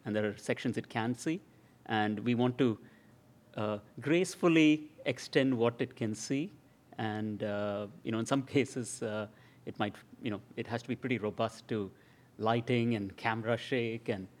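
Halting man explaining technical points. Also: medium pitch. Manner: halting, restarts with repeated words. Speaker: engineering guest. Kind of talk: conversational panel discussion.

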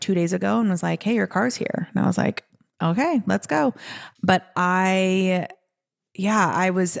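A woman's voice: on the low side, gravelly. A woman hosting her own podcast, talking casually in a chatty monologue full of "like". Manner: chatty, peppered with "like". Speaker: podcast host.

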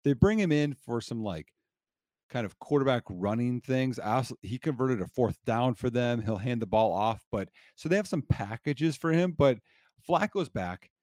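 A man co-hosting a sports podcast, rattling off a long injury list in a steady, mid-pitched voice. He sounds winded and breathless. The recording is dry and close, with no room echo. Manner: rapid-fire listing of injury news. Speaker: podcast co-host. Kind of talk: casual sports podcast chat.

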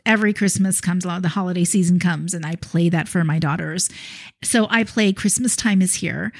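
A woman in her thirties or forties, hosting a casual podcast interview at home into a studio mic, chatty and quick to laugh. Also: on the low side. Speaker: podcast host.

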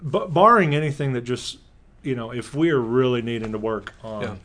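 A man's voice: mid-range voice, normal speed, a bit bright. Casual male pastor with a joking streak. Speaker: pastor, podcast co-host. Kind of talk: casual conversation.

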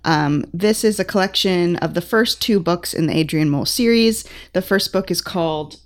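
A young woman with a slightly low voice talks casually about books on a podcast. She is chatty and playful, and laughs often. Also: normal speed. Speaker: podcast co-host reviewing books. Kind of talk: casual book chat.

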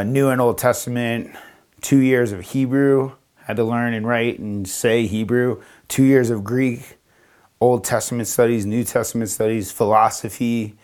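A man from Florida, a pastor, telling his story casually on a podcast and acting out the dialogue. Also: medium pitch. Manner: animated, acts out quoted dialogue in a raised voice.

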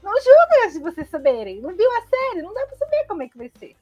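A Brazilian woman co-hosting a podcast from home, chatting casually with animated, rambling and blunt opinions. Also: extremely high pitch, fast talker, over loud music. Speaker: podcast co-host. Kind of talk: casual chat.

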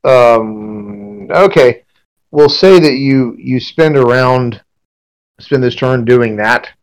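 Serving as game master for a tabletop role-playing game, a man speaks in a mid-pitched voice with vocal fry. He lays out scenes haltingly, building them up bit by bit as he goes. The audio quality is poor.

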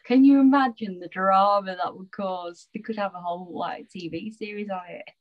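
A woman's voice: mid-range voice, moderate pace, muffled recording. A woman co-hosting a casual podcast, agreeable and easygoing in her talk. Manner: easygoing, agreeable, uses fillers like "I reckon". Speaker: podcast co-host. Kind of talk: casual chat.

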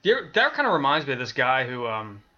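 A man's voice: mid-range voice, huge pitch swings, quick pace, bright, forceful tone, muffled recording. A man co-hosting a podcast, chatting casually, laughing often and swearing freely. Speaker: podcast co-host. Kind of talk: casual chat.

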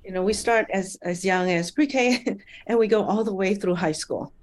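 A middle-aged woman from Malaysia, a guest talking about her nonprofit in a relaxed interview, pausing on fillers and laughing lightly as she goes. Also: medium pitch. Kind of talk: conversational interview.

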